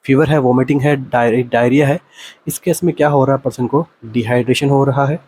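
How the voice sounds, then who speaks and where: A male nursing exam coach works through multiple-choice answers, posing rhetorical questions and answering them himself, and reads the English options out slowly. His mid-range voice is steady, husky and somewhat dark in tone.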